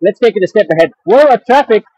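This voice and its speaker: Guy walking and talking on an earbud mic, kinda high voice, dull muffled sound, faint street noise. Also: animated, racing, darkish tone, slightly rough, no room sound. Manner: casual, talking as he walks. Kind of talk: mic test while walking. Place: busy outdoor market and traffic tunnel. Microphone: wireless earbud mic.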